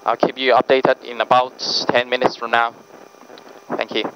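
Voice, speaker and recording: Man, airline pilot announcement, monotone, hesitant and formal, dull PA, faint engine hum. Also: mid-range voice, normal speed. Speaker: airline first officer. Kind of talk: flight deck announcement to passengers. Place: aircraft PA from the flight deck. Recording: muffled cockpit PA with cabin hum.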